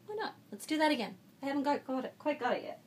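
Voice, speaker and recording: A woman's voice: high voice, big pitch swings, quick pace, a little mellow. A middle-aged woman singing teacher giving a frank, jokey vocal lesson and singing short vowel exercises between her explanations. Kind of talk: casual vocal lesson with sung demonstrations. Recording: slightly distant mic with faint room noise.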